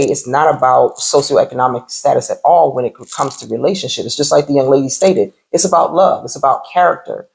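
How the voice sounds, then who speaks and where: Very deep gravelly woman co-host. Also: a little mellow, low-quality recording. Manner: measured, articulate. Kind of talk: casual chat.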